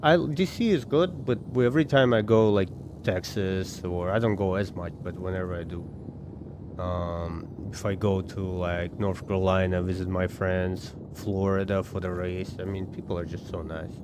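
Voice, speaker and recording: A game streamer with an Armenian accent and a lowish, steady voice chats casually at a moderate pace during a live stream. He rambles, repeats words, and addresses his chat, with game sounds audible behind him.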